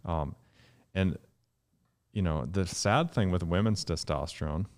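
A man in his thirties, a guest scientist on a podcast, explaining in an animated way and jumping up in pitch to stress points, recorded in a dark studio on a studio mic. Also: unhurried. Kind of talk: podcast conversation. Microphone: studio mic with headphones.

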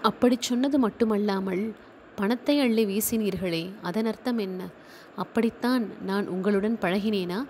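A woman's voice: mid-range voice, darkish tone, slight background noise, close to an everyday voice. Woman narrator playing a young woman, heartbroken, accusing, tearful, storybook drama. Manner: tearful, reproachful.

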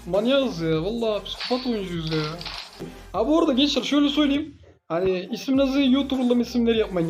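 Excitable man trash-talking over gameplay. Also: extremely high pitch, rough recording. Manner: excitable, teasing trash talk to the opponent. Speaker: gaming YouTuber. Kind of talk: live gameplay commentary.

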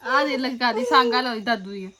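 A woman chatting casually in a home vlog, animated and repeating herself as she coaxes. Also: fairly high pitch, normal speed. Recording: very noisy home phone recording.

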